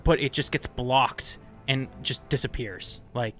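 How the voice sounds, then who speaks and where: A man narrating a tabletop game as game master in casual, halting, improvised phrases. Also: mid-range voice, a bit bright, faint music behind.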